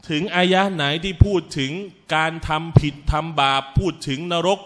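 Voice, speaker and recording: A male Islamic lecturer giving a religious talk, retelling stories in a lively way, mixing in Arabic phrases and calling his listeners brothers and sisters. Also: fairly high pitch, moderate pace.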